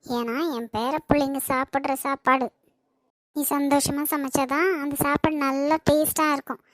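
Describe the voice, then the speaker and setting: A woman doing a stern, bossy older mother-in-law in a cartoon, barking orders in a Kanyakumari Tamil accent. The voice sits high and thin. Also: little pitch movement, moderate pace, no room sound, clean studio sound, close to an everyday voice. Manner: bossy, scolding. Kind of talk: cartoon voice acting.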